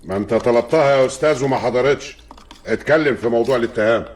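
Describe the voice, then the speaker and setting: An Egyptian actor playing a stern, impatient judge. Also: male voice, mid-range voice, quick pace, lightly acted. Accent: Egyptian Arabic. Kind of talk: film drama acting.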